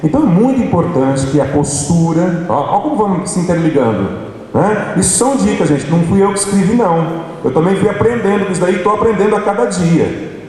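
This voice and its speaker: A Brazilian man speaking with a high, animated voice, his pitch swinging freely. He talks playfully and turns straight to the audience. His voice rings through a big echoey hall, heard from a distance with faint noise behind it. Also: a little fast. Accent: Brazilian Portuguese. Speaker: workshop speaker. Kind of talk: church workshop talk. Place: large hall. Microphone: handheld microphone.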